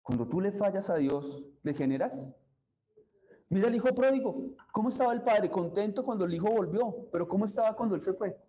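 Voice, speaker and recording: A man preaches a sermon in a high-pitched voice. His tone is dark and mellow rather than bright. He keeps asking the congregation questions as he teaches. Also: lively intonation, a little fast, low-quality recording. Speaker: pastor.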